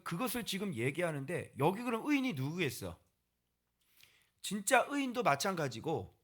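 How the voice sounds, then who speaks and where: A pastor preaching a sermon, emphatic and scolding, often checking that the congregation agrees. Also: male voice, high-pitched, a bit bright.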